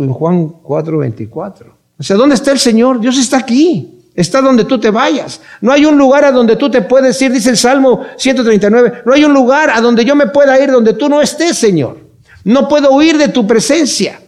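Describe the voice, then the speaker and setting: High-voiced animated male preacher. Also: normal speed. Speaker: pastor. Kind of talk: sermon.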